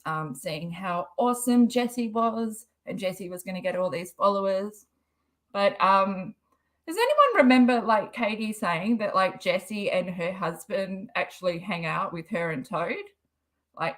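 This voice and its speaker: A woman's voice: fairly low pitch, unhurried, fairly bright tone. Chatty Australian woman, sarcastic. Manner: chatty, sarcastic, laughs often. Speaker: livestream host. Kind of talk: casual live commentary.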